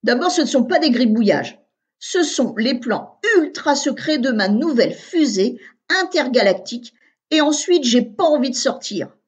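Woman doing an excitable clever little boy. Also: sits high, moderate pace. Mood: grumpy. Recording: dull lo-fi recording.

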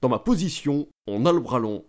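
A man's voice: mid-range voice, animated, normal speed, darkish tone, natural voice. A man voicing a pompous, talkative middle-aged state councillor who lectures and boasts eagerly. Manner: self-important, eager, lecturing.

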